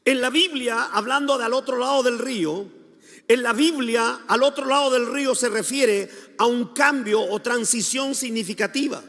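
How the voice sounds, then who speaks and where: An older man, preaching a sermon to a congregation, calling for responses and swinging between shouts and soft asides. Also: very high-pitched, moderate pace. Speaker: pastor. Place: church hall. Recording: long hall reverb.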